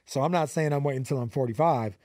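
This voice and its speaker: Brief: mid-twenties male rapper from LA, warm mellow tone, dry close mic, slangy and earnest. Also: mid-range voice, fast talker, no room sound. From Los Angeles. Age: 20s. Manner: slangy, repeats fillers, earnest. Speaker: rapper guest. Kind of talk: casual interview.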